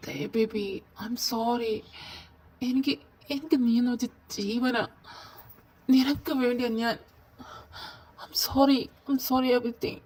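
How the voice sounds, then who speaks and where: A woman voicing a young man who pleads softly with his lover, in a fan audio drama. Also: on the high side, steady tone, slow pace, long pauses, low-quality recording. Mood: apologetic. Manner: soft, apologetic, coaxing.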